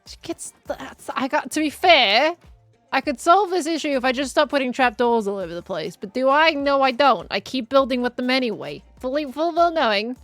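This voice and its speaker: A woman's voice: sits high, animated, fairly quick, fairly bright tone, dry recording, faint music behind. A woman streaming a game, chatting casually in a playful, teasing way. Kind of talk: casual chat while gaming.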